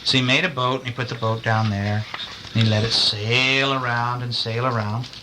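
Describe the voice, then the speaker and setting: A man reading a bedtime story to his children has a medium-pitched voice with fairly even intonation and a moderate pace. Playful throughout, he acts out lines and adds sound effects and asides; the home recording is amateur and noisy.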